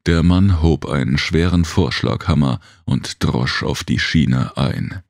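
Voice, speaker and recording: A man reading a science fiction audiobook in measured scripted narration. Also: extremely low pitch, gravelly, dry recording, clean studio sound. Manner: measured storytelling.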